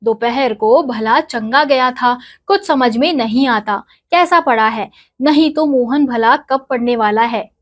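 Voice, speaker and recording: Read-aloud play: woman playing a worried, coaxing mother, clear higher voice. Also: unhurried. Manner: fretful, coaxing. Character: worried mother of a sick boy.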